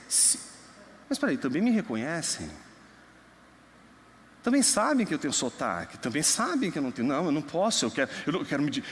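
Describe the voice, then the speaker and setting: A young man from Brazil preaching a sermon, moving between quiet storytelling and loud, emphatic passages. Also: high-pitched. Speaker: pastor. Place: church hall. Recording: long hall reverb.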